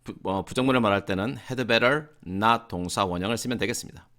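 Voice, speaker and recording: A man teaching English grammar in an online lesson, giving slow, careful example sentences between casual explanations in English. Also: lowish voice, fairly bright tone.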